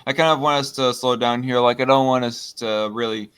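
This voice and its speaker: A man's voice: mid-range voice, fairly even intonation, fairly quick, a bit bright, a little hiss or hum. A young man hosting a casual political stream, talking hesitantly with many fillers and laughs. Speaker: stream host.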